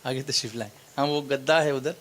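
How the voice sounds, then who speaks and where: A man's voice: medium pitch, steady tone, a bit bright, slight background noise. A man preaching at a religious gathering. He explains things step by step, quizzes the audience, repeats phrases for emphasis and mixes English words into his speech. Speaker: Islamic preacher. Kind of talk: sermon lecture to a gathering.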